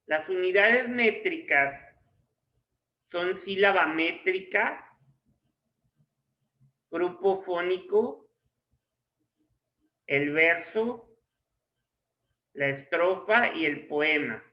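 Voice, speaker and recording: A man teaching a literature class, reading his notes slowly in short phrases as if dictating to students. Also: high-pitched. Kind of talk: slow dictated lecture. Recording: echoey room, dull lo-fi sound.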